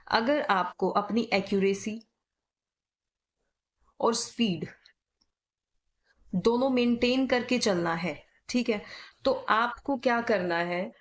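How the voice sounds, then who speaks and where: A woman with a North Indian Hindi accent teaching typing in a casual spoken tutorial, repeating her points and checking in often. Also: mid-range voice. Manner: repetitive, checks in with "ठीक है"; spells letters out slowly.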